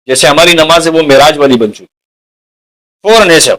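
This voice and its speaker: A man with a high-pitched voice delivers a sermon. He keeps putting rhetorical questions to his listeners and calls them dear companions. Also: fairly bright tone, poor audio. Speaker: preacher.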